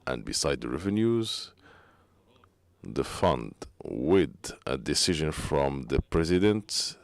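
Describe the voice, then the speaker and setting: A man working as a conference interpreter, giving a live interpretation in halting, phrase-by-phrase delivery. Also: extremely low pitch, sing-song, gravelly, no room sound.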